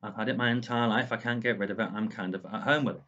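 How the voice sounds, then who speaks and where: A man's voice: fairly low pitch, steady tone, quick pace, a bit bright, dull audio. A man with a slight lisp, talking earnestly and rambling a bit straight to the viewer in a video diary from his home. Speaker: author vlogger. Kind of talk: casual lockdown video diary. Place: at home indoors.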